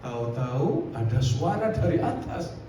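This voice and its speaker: A man preaching a sermon in a lively, conversational way with frequent asides to the congregation. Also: medium pitch, moderate pace. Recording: echoey room, distant mic, faint noise.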